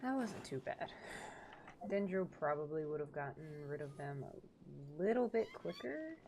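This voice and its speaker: Low and sing-song, a woman's voice drifts along a little slowly over a noisy background. She's a game streamer in a relaxed livestream, rambling to her audience and to herself.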